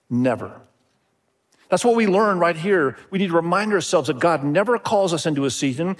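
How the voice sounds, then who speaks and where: A middle-aged man who grew up in Indonesia, preaching a sermon to his church in an earnest way, often repeating phrases and calling out to the congregation. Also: on the high side. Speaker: pastor.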